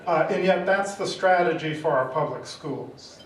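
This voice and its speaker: A man's voice: fairly high pitch, moderate pace, a bit bright. A man giving wry, argumentative remarks as a panelist in a panel discussion. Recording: echoey room, mic from far off.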